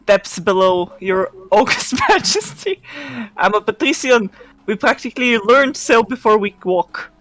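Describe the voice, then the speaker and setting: A woman's voice: fairly high pitch, lively intonation, unhurried, a bit bright, dry recording, voice pushed down. A woman voicing a haughty noble lady gambler, talking grandly during improvised role-play. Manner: grand, pompous announcing.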